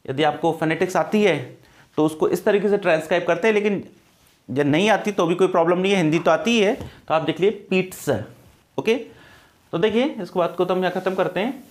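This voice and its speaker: A man's voice: high-pitched, fast talker. A man teaching English grammar for exam prep, mixing Hindi and English, with an Indian accent. He asks his class questions and answers them himself, and he drills pronunciation.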